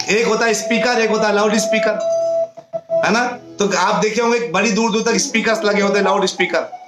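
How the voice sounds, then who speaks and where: A hoarse man preaches a devotional discourse in a high, strained voice. He tells his stories with animation and slips into other people's voices. The sound carries a roomy echo, and music plays clearly underneath. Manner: animated storytelling, acting out quoted voices.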